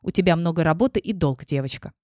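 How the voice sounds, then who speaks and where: A woman voicing a stern female witch who speaks quietly and firmly. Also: on the low side, fast talker, no room sound, studio quality, natural voice. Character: stern older female witch, firm and cool.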